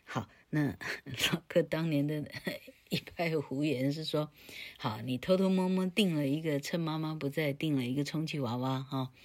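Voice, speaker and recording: A woman leads a recorded pronunciation lesson. Her tone is husky and a little breathy. She jokes freely and drags out sounds slowly to demonstrate them. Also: low voice, a little mellow. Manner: jokey and playful, ends phrases with a chatty "ha" tag, laughs at her own stories. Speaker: English pronunciation teacher. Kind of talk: recorded classroom lecture.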